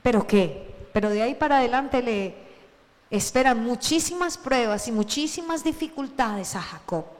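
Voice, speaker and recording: A woman preacher giving a lively sermon, acting out the shouts of the Bible story as she retells it. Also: a little high, moderate pace, long reverb tail. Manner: animated, acts out shouted Bible quotes.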